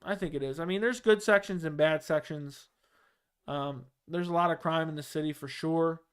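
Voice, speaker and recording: Speaking at a normal speed, this young man from the Baltimore area has a smooth, fairly high voice. As host of a live chat, he wanders through viewer comments loosely, using fillers and starting over often.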